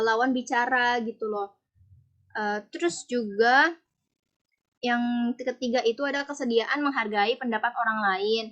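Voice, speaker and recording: Young woman, student presenter, casual halting delivery, filler-heavy, muffled recording. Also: a little high, a bit bright. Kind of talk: class presentation. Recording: dull lo-fi recording.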